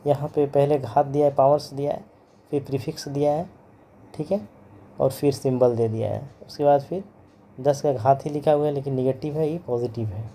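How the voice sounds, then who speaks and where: Dark-voiced male teacher drilling terms. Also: mid-range voice, fairly even intonation, slight background noise. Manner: repeats terms slowly, drilling pronunciation; mixes English terms into Hindi. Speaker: physics teacher. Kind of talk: classroom lecture.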